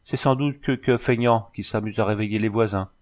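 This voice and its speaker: A man's voice: on the low side, steady tone, fairly quick, close to an everyday voice. A man reading aloud, voicing a skeptical old mother who scolds her daughter. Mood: scolding. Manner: dismissive, scolding.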